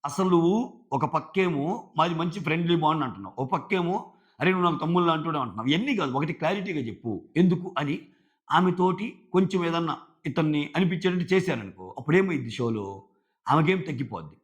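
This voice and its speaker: A man with a slightly high voice gives a casual, conversational show review. He retells scenes in an easy talking style, quoting what the contestants said. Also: lively intonation, brisk, highs cut off.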